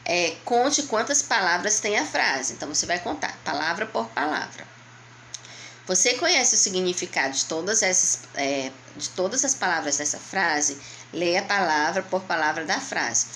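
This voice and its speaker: Woman, Brazilian Portuguese accent, primary teacher, slow patient explaining, lowish voice, faint background hiss. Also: expressive, pushed and bright. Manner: patient, slow, explaining step by step to young children; answers her own questions in a child's voice. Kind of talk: remote lesson walking through a workbook.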